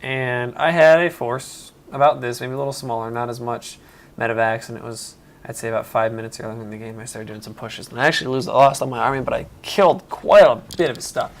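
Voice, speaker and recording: A man's voice: medium pitch, steady tone, fairly quick. A man casually commentating his own strategy game match, rambling and often correcting himself. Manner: rambling, self-correcting, chatty.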